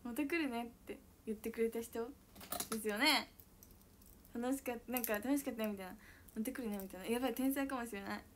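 A young woman with a high, bright voice and a chats casually with viewers on her livestream. She is bubbly and giggly, and she talks loudly. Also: fast, a little hiss or hum. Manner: giggly, bubbly, frequent laughter; self-describedly loud voice. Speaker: idol livestreamer. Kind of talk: casual chat reading viewer comments.

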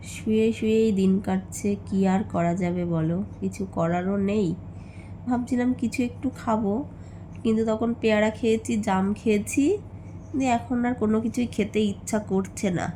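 A young woman with a Bengali accent chatting casually in a home vlog, worn out and coughing, her voice going hoarse. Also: fairly high pitch, steady tone, normal speed, long pauses, dark tone, roomy sound, a little hiss or hum. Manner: chatty, rambling, tired. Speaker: vlogger. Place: at home, indoors.

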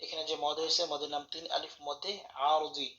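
A man giving a tajweed lesson, spelling out letters and vowel marks step by step, reciting verses slowly and correcting wrong pronunciations. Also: a little high, little pitch movement, bright, forceful tone, roomy sound. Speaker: Quran recitation teacher. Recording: dull lo-fi recording.

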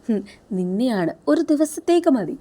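A woman's voice: a little high, very animated, normal speed, warm tone. A woman voicing a menacing male villain in a retold television serial scene, threatening and sneering.

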